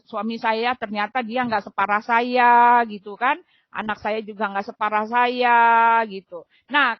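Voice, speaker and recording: Middle-aged woman, high voice, earnest emotional testimony with casual fillers; dull, dry lo-fi recording. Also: dry recording. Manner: earnest and emotional, addressing friends with frequent fillers. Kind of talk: personal faith testimony.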